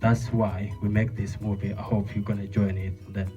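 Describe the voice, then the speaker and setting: A non-native English-speaking man from a film's cast, talking earnestly in simple halting English at a post-screening Q&A in a screening room. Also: lowish voice, flat delivery. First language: not English. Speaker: film cast member. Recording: muffled and distant, music behind.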